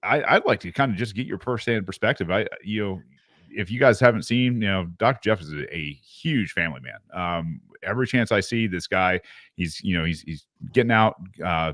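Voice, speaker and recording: Low-voiced podcast host, rambly questions with lots of ums and you knows, dry close sound. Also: male voice, fairly bright tone, no room sound. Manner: meandering, filler-heavy questions. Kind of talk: podcast interview.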